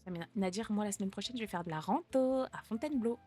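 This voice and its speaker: A young woman streamer, talking in a relaxed, slangy way. She answers viewer messages and mixes reassurance with jokes. Soft music plays faintly behind her voice. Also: medium pitch, quick pace, breathy edge. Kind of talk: casual chat reading out viewer messages.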